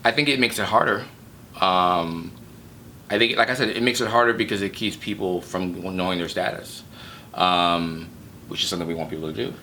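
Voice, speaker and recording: A man speaking as a guest in a casual interview, playful and animated, jumping into high exclamations. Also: moderate pace, slight background noise. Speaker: guest from an HIV advocacy group.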